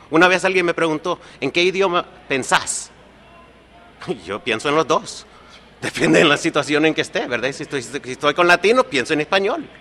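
Bright-voiced man giving earnest testimony. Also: medium pitch, a little hiss or hum. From United States. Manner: earnest, confessional, often adds "¿verdad?". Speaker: recovery meeting speaker. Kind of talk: personal testimony at a support meeting.

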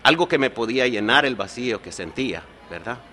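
A man's voice: medium pitch, lively intonation, fairly quick, bright, forceful tone, slight background noise. A man born in the United States giving an earnest, confessional personal testimony at a support meeting, often adding "¿verdad?". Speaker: recovery meeting speaker.

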